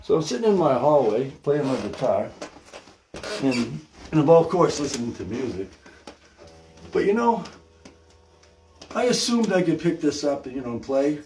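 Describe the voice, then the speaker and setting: An older man talks straight to his viewers in a folksy, conversational way, his pitch climbing and dropping in lively swings. His voice sits a little high for a man. He records from a bare hallway on a propped-up phone, so the sound echoes around him, and faint music plays in the background. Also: normal speed, pauses often. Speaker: podcast host. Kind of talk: casual livestream monologue. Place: hallway at home, by a staircase. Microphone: phone or camera propped on a stand.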